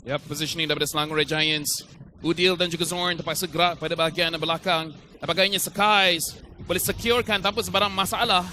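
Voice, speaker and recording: A Malaysian man analyses a live esports match in colloquial, English-peppered speech. His voice is high for a man and forceful. There is faint game noise behind him. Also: flat delivery, fairly quick. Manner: casual, colloquial phrasing mixed with English game terms. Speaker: esports commentator.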